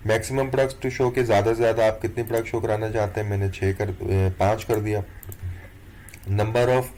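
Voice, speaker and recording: A man's voice: on the low side, fairly quick, slight background noise. A young man teaching an online course over a screen recording, talking step by step and checking in often with the viewer. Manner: relaxed, step-by-step, keeps checking in with "theek hai". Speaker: course instructor. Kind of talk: screen-recorded tutorial walkthrough.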